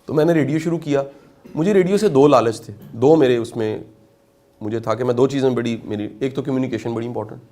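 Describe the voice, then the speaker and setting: A middle-aged man from Pakistan, giving an animated motivational lecture and asking his audience questions. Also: medium pitch.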